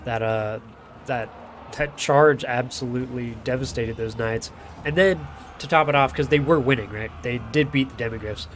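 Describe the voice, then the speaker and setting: A man's voice: mid-range voice, moderate pace, slight background noise. A man with a nasal voice from blocked sinuses, casually giving loose, chatty play-by-play commentary on a strategy game as a streamer, swearing now and then. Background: music playing.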